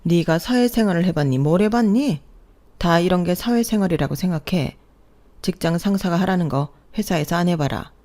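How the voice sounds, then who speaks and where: A woman voicing a domineering middle-aged mother-in-law in an audio story, scolding sharply and loudly. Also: fairly low pitch, brisk, natural voice.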